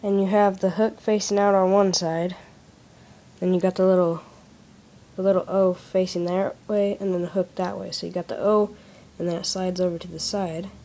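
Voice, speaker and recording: A woman with a lowish, dark voice delivers a casual how-to flatly and at a moderate pace. She is a craft demonstrator explaining each step plainly from a desk in a small room, filmed on a handheld phone.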